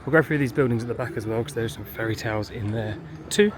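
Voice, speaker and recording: Narrating quickly at a medium pitch, a parent gives a casual walk-through of the family's theme park day for a vlog, moving outdoors and occasionally into small buildings. Crowd noise and loud music fill the park ambience.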